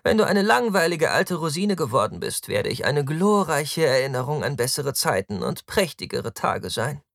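Guy doing a high drawly mocking rich boy, lazy and theatrical, audiobook. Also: very animated, normal speed, vocal fry, fairly bright tone, dry recording, studio quality, full character voice. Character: lanky careless young nobleman, drug-addled dandy.

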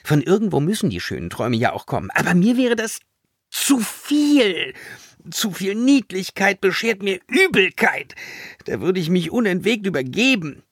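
A man's voice: medium pitch, wildly swooping pitch, racing, hardly any pauses, a little mellow, husky, no room sound, clean studio sound, pitched above the performer's own voice, exaggerated voice. A man voicing a grumpy, sarcastic young girl villain in an audiobook. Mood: mocking. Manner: sarcastic, disgusted, drawling.

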